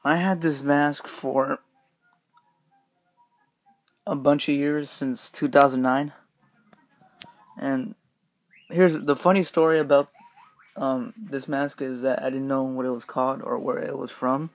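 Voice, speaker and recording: A man's voice: mid-range voice, fairly even intonation, slow pace, pauses often. A young man reviewing a Halloween mask in a casual, rambling way, talking through the rubber mask he is wearing. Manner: rambling, filler-heavy, upbeat. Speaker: YouTube reviewer.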